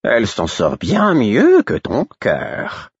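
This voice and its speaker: A man voicing a quick-witted male court jester with shrill, theatrical outbursts, in an audiobook reading. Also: wildly swooping pitch, vocal fry, husky, no room sound, lo-fi sound, exaggerated voice. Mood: wry.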